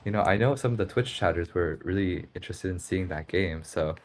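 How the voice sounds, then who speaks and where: Young man, esports co-caster, very deep voice, laid-back, joking. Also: a little fast. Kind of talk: casual esports commentary chat.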